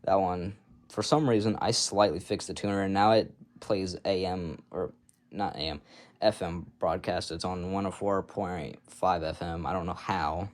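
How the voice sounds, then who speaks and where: This man shows off his radio collection in a casual, unscripted show-and-tell, rambling in an offhand, self-deprecating way. His voice is low-pitched with fairly even intonation, and he talks at a normal speed.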